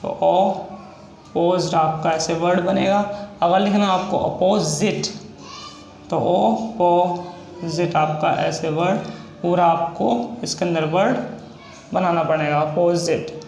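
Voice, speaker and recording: A man with a Hindi accent, a shorthand teacher, explaining a lesson and slowly spelling out example words one by one. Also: high-pitched, vocal fry, darkish tone. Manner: slow, repetitive, drawn-out spelling of example words. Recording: echoey room with faint noise.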